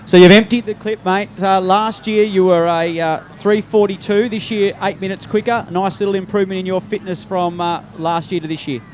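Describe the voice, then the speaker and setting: Man, race commentator, upbeat, high voice. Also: steady tone, moderate pace, hardly any pauses, slight background noise. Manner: upbeat, calls names and results, says mate often. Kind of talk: live sports commentary. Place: outdoor race finish area.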